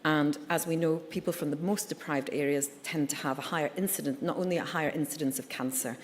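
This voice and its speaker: A middle-aged Scottish surgeon gives a candid conference presentation, speaking fast in a deep, steady voice peppered with ums and uhs. The reverberant conference hall recording has a little hiss or hum.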